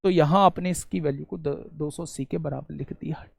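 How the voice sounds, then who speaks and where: Lively male Hindi maths tutor, dry sound. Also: a little high, brisk, gravelly, no room sound. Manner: lively, coaxing, asks the students questions and answers them himself. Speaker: maths teacher. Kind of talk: exam-prep maths lesson.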